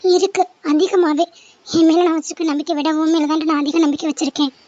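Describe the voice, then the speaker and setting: A woman voicing an anxious, devoted young woman in love in a homemade animated cartoon, pleading and clinging. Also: quick pace, no room sound, lo-fi sound. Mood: hopeful. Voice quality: very high, girlish.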